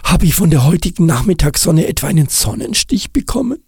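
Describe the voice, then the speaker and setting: Guy doing a high shaky whiny snowman kid, stutters, kinda husky, dry sound. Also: very animated, a little fast, a little mellow, no room sound, full character voice. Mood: fretful. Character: anxious, sickly little snowman boy. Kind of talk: storybook reading.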